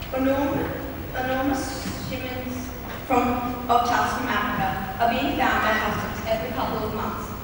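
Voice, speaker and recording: A young schoolgirl giving an earnest, prepared persuasive speech, pausing for emphasis and posing rhetorical questions. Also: on the high side. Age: child or young teen, not yet in early twenties. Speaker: student speaker giving a speech. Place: large echoing room with an audience. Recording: echoey hall, far from mic, noisy.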